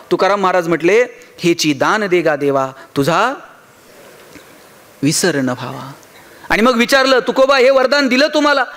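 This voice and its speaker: A man's voice: very high voice, a bit bright. A man giving a motivational speech, telling stories, acting out dialogue and asking the audience rhetorical questions. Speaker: motivational speaker.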